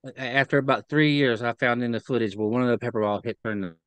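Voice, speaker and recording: A man's voice: mid-range voice, a bit bright, clean tone, dry recording, rough recording. Earnest man recounting on a video call. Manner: earnest, halting, repeats words when upset. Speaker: interview guest. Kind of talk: remote interview testimony.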